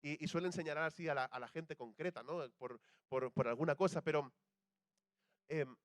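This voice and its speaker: A man's voice: fairly high pitch, normal speed, no room sound. A young man with a Spanish accent from Spain, preaching a sermon in a chatty way and putting questions to the congregation. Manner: conversational, asks the audience questions, acts out quoted voices.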